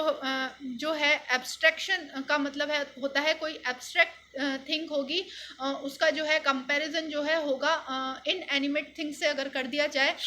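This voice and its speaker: High-voiced Indian woman teaching. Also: pushed and bright, a little hiss or hum. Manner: explains in Hindi with English terms, many "uh" fillers; reads English examples slowly. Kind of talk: exam-prep lesson.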